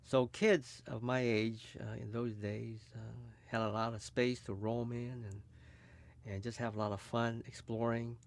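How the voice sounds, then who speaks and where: A man in his eighties, from California, recalling his childhood for an oral history recording, halting often with fillers. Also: mid-range voice, little pitch movement. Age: 80s. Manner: hesitant, many fillers. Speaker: interviewee. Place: recording booth.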